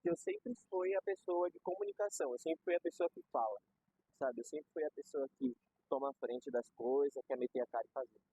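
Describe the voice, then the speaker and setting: On a dull lo-fi recording with no room sound, a young man with a Brazilian Portuguese accent keeps the conversation casual, using slang and everyday examples to explain things. His mid-range voice is brisk, mellow, and husky, with big pitch swings.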